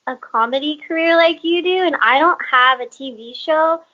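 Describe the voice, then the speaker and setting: Woman, comedian, high voice, laid-back, hesitant, filler-heavy banter, video call. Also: normal speed, muffled recording.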